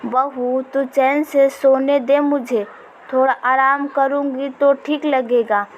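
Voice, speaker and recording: A woman voicing an irritable older mother-in-law who is sick in bed, snapping sharp, scolding retorts at her daughter-in-law in a storybook reading. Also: high-pitched, fairly even intonation, takes it slowly, lo-fi sound, a little hiss or hum. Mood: weary.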